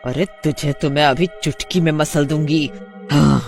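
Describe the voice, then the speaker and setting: Cruel witch daughter-in-law voiced by a man, cartoon story, loud threats, scolding, faint music behind. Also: on the high side, steady tone, measured pace, creaky. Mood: scolding, menacing.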